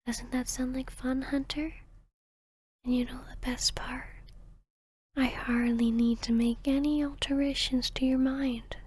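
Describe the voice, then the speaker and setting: Whispering breathily, a woman voices a seductive vampire queen, arrogant and cruel, teasing and giving commands in a hypnotic ASMR roleplay. Her pitch is a little high and her tone a little mellow.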